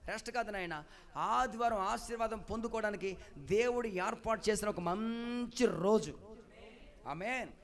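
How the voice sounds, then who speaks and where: Pastor guy with a really high voice, preaching a sunday sermon, keeps asking the crowd to answer back, goes from quiet to loud. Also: measured pace. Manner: calls out to the congregation for responses, repeated hallelujahs; swings between quiet asides and loud emphatic exclamations. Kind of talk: Telugu sermon at a Sunday service.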